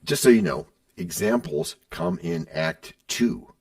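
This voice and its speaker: Middle-aged man, podcast host, playful scripted banter, gravelly husky voice, distant mic. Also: mid-range voice, wildly swooping pitch, slow pace, darkish tone. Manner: playful, switching between his own voice and a sidekick. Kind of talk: scripted comedic banter with himself.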